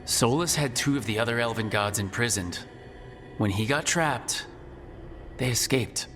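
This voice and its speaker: A man voicing a composed, resolute mage leader in a video game, speaking in a measured, serious way. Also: mid-range voice, fairly bright tone, a little hiss or hum, lightly acted. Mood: grave, insistent. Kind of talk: video game dialogue acting. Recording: long reverb, game music behind.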